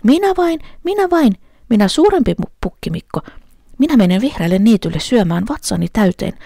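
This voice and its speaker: A woman doing a squeaky little billy goat. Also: very animated, gravelly, dark tone, no echo, studio quality. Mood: timid. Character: small brave billy goat.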